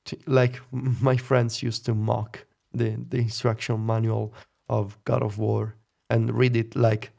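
A man's voice: medium pitch, little pitch movement, slow pace, creaky, mellow. A man, co-hosting a casual podcast chat and musing wryly with opinions. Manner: musing, opinionated, wry laughter. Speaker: podcast co-host.

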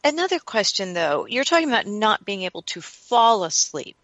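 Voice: mid-range voice, big pitch swings, normal speed, a bit bright, dry recording, muffled recording. A radio host asking inquisitive follow-up questions in an interview.

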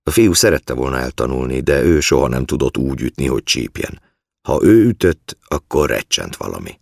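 Very deep gravelly male narrator. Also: big pitch swings, no echo, studio quality. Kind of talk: audiobook narration.

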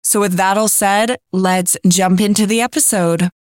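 A woman's voice: mid-range voice, steady tone, normal speed. A woman hosting a podcast, reading the episode intro and asking friendly, upbeat questions. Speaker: podcast host.

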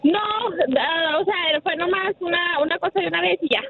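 A woman caller, speaking haltingly over the phone. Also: very high voice. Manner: hesitant, halting confessional talk. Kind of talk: phone-in chat. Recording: tinny phone line.

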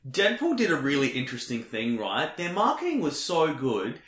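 A man, chatting casually as a podcast co-host, animated and full of fillers. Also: a little high, moderate pace. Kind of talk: casual chat. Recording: roomy echo.

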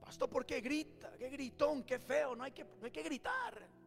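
A man acting out a fussy churchgoer who complains about a pastor shouting, in a whiny voice. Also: very high-pitched, big pitch swings, moderate pace, gravelly, faint music behind, pitched above the performer's own voice, full character voice.

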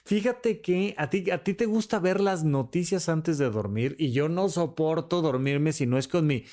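A podcast host talks casually about relationships, acting out bickering couples in quick quoted voices. He's animated, swinging between high and low pitch.

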